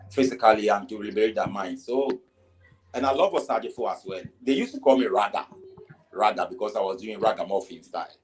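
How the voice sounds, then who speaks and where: A man's voice: fairly low pitch, a little mellow, poor audio. Ghanaian man chatting in a reggae interview. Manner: many "you know" fillers, repeats and stammers on words. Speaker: guest reggae artist. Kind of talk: casual interview answers.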